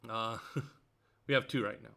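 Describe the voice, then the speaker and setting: A programming tutor with a lowish, fairly even voice and some vocal fry speaks at normal speed. He records his screen while reading textbook passages aloud, then comments on them, thinking out loud and saying um and uh often.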